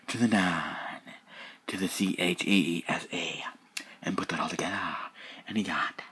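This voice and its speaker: Low and husky yet fairly bright, a man's voice carries a solo podcast recorded after almost 24 hours without sleep. He rambles, circles back, repeats himself and swears offhandedly.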